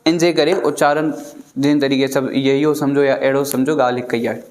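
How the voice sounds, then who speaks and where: A man teaching a recitation class, chanting lines slowly word by word and checking often that the students follow. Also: medium pitch, flat delivery, a little mellow. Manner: slow syllable-by-syllable recitation, repeatedly checking with students. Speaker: Gurbani pronunciation teacher.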